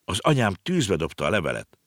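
A man's voice: no echo, clean studio sound, exaggerated voice. A man voicing an earnest, know-it-all little girl in an audiobook reading. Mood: sorrowful. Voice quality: high, lively, explaining.

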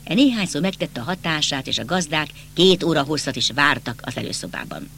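A man's voice: a little high, animated, creaky, sharp tone, a little hiss or hum. A man reading a detective novel aloud as an audiobook narrator, telling it expressively. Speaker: audiobook reader.

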